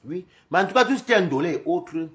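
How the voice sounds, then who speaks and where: Speaking quickly in a high-pitched voice, this livestream host from Cameroon talks with his viewers in a Cameroonian French accent. His chatter is animated and gossipy, wandering from point to point, with frequent laughter.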